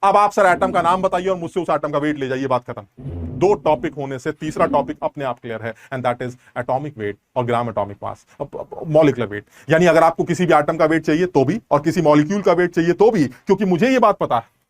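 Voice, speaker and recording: A man's voice: a little high, normal speed, dry recording. A man teaching a chemistry lesson online, explaining step by step and quizzing students with rhetorical questions. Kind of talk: online class lecture.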